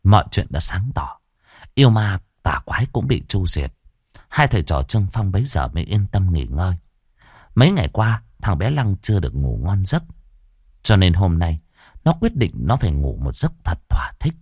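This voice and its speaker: A male audiobook narrator reads a fantasy tale in a low voice. His delivery is expressive, and his pitch rises and falls widely. The recording is dry and close. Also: moderate pace, slightly rough, no room sound. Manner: expressive storytelling reading. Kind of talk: scripted narration of a fantasy story.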